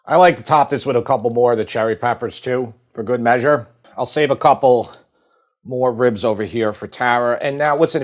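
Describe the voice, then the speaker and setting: A middle-aged man with a Long Island accent, showing a recipe in his home kitchen in a relaxed, chatty way full of fillers. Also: medium pitch. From Long Island, New York. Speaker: cooking show host. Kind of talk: casual cooking demonstration.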